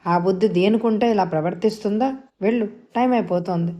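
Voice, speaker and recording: Grumbling tired mom read by a woman, exasperated, mellow tone, audio novel. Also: medium pitch, a little fast, lightly acted. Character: weary, grumbling middle-aged mother.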